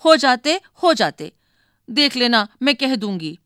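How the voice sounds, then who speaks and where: A stubborn little girl who whines and pleads in a high, shrill voice, as a woman reading a storybook puts her on. Her lines come out slow and drawn out, with a dry, close sound. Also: very animated, a bit bright, smooth, dry recording. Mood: tearful defiance.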